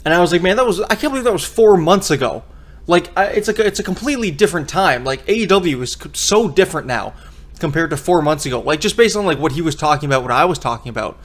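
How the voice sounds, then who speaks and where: Emphatic higher-voiced man giving opinions. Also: animated, quick pace, a bit bright. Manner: emphatic, repeats phrases for effect. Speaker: wrestling video creator. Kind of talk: opinionated casual monologue.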